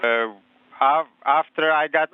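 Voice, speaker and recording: A man's voice: a little high, takes it slowly. Male interpreter relaying calls on a mission radio loop; clipped, matter-of-fact delivery through a tinny, phone-like radio channel. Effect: tinny spacecraft radio loop. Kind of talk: terse radio procedure calls. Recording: phone-like narrow radio band.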